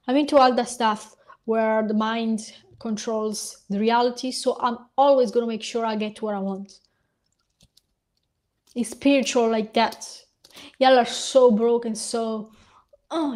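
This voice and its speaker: A woman's voice: on the high side, a little mellow. Blunt young woman ranting on a vlog. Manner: blunt, defiant, dismissive. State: losing her voice. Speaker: vlogger. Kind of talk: casual vlog rant.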